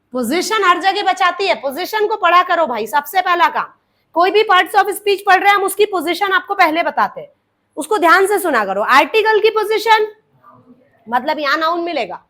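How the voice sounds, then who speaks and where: A woman's voice: very high voice, sharp tone. A woman teacher, explaining grammar to exam students and acting out example sentences. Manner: explains with acted examples, calls students "beta".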